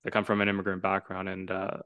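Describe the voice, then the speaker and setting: A man's voice: low voice, completely flat delivery, fast, dry recording, lo-fi sound. A man in his twenties from Toronto, hosting a casual podcast conversation in an earnest, reflective, rambling way. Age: 20s. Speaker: podcast host.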